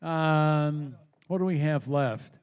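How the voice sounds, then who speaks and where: A man's voice: a little high, takes it slowly, darkish tone, clear, resonant tone, in a large hall. A man working as an auction announcer, describing lots and giving live commentary.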